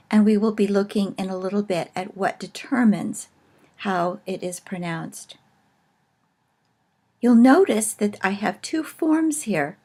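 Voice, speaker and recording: A woman teaches in a recorded video lesson, taking her time over each point. Her pace is slow and measured, with pauses as she explains. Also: medium pitch, darkish tone.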